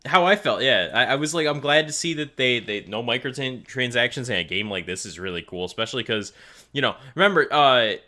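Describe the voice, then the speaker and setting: Excitable man in lively gaming chat. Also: fairly quick. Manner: excitable, jumps into high-pitched exclamations. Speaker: podcast co-host.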